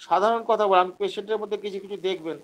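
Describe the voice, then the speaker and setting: Man, Bengali accent, lecturing online, higher voice, poses questions and answers them. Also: steady tone, rapid-fire, poor audio. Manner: acts out quoted patients in a raised voice. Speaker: homeopathy teacher.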